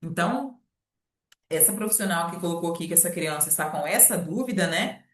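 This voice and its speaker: A Brazilian woman teaching professionals about children's literacy in a patient, repetitive way, often checking in with a quick "tá?". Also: on the low side, animated, far from the mic. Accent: Brazilian Portuguese. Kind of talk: informal teaching talk. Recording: echoey room, voice off-mic.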